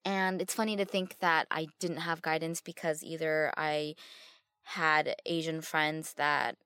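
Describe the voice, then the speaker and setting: Low-voiced woman talking earnestly. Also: little pitch movement, unhurried, sharp tone, smooth, no echo, clean studio sound. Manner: earnest, reflective, with frequent restarts. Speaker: podcast co-host. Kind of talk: casual conversational podcast.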